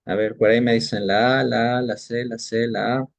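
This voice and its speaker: A man's voice: medium pitch, steady tone, normal speed, vocal fry. A male teacher giving an exam-prep lesson, explaining patiently and often stopping to check that students are following. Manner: patient explaining, keeps checking in with short questions.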